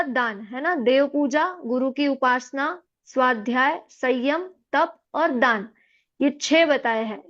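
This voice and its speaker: A woman teaching a scripture class, patiently explaining and checking in with her students. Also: high-pitched. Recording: dull lo-fi audio.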